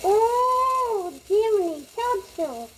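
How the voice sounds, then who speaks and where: A woman in a 1940s radio comedy voicing a pesky, nosy little neighbor girl who wheedles in a squeaky voice. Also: animated, extremely slow, heavily acted. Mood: curious. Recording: crackly old 78 record.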